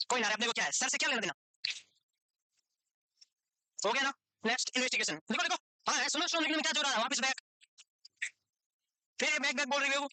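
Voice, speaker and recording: A man teaches a nursing class in a high, quick voice. He keeps drifting into teasing stories and banter with his students. The sound is dry and close. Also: bright, forceful tone, no echo. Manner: teasing, chatty storyteller. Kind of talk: classroom lecture with joking asides.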